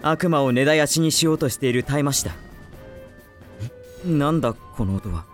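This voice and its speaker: A woman voicing a gruff, blunt young male demon who has been wounded, in a voice drama. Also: rumbling low, lively intonation, normal speed, soft background music. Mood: alarmed. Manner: blunt, rough-spoken. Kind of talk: voice drama acting.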